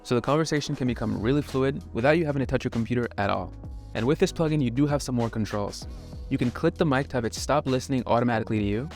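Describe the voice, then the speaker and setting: A man hosting a video, giving a clear scripted tutorial narration that explains each step in order. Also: mid-range voice, quick pace, darkish tone, faint music behind. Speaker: video host.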